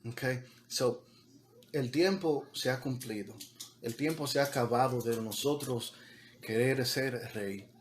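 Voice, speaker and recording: A man's voice: medium pitch, measured pace, a little hiss or hum. A man preaching a sermon as pastor, talking conversationally with repeated words and building to emphatic peaks, mixing in English words.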